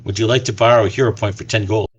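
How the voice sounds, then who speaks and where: A man at an online tabletop game speaks with a husky, somewhat low voice. He describes what his character does and playfully haggles with the other players. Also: fairly even intonation, very fast. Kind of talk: casual game chat.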